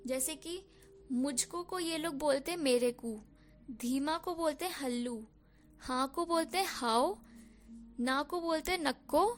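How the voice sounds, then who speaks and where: Young female tutor, bright high voice, patient explainer who drops in English words. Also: slight background noise. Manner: mixes English words into Hindi, checks in with "ok" and "theek hai". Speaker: teacher. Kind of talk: explaining a lesson.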